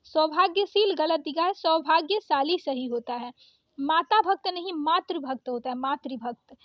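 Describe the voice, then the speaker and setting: Very high woman's voice, lecture drill, dry and muffled home recording. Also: dry recording. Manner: drills wrong and right forms in quick pairs. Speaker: teacher. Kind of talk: exam-prep spelling lesson. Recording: dull, dry close recording.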